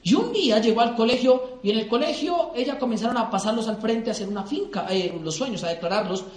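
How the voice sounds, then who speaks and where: A man's voice: very high voice, quick pace, echoey room. A middle-aged man from Colombia giving a motivational talk to an audience, telling stories and acting out the dialogue. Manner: animated storytelling, acts out dialogue. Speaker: motivational speaker.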